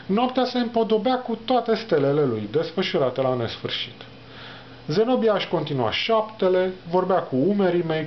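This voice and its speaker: A male reader reading a novel aloud at a steady, careful pace, on a dull lo-fi recording. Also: on the high side, a little hiss or hum.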